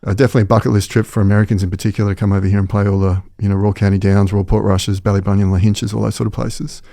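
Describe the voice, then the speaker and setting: Fast-talking Australian man, dark voice. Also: fairly low pitch, flat delivery, vocal fry, dry recording, clean studio sound. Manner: quick, enthusiastic, repeats phrases while thinking. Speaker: podcast guest, company founder. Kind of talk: casual interview talk.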